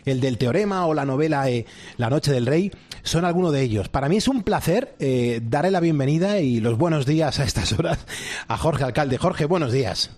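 A man from hosting a late-night radio show, lively and quick to laugh. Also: fairly high pitch. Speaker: radio host.

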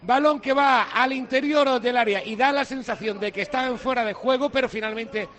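High-voiced man reporting a goal live. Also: a little fast, fairly bright tone. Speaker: stadium reporter.

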